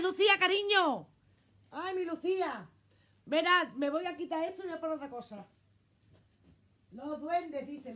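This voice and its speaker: A woman's voice: sits high, a bit bright. A middle-aged woman with a Spanish accent, selling clothes on a casual live stream from her shop. She chats in an exclamatory way, reads out viewer comments and swears casually. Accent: Spanish from Spain.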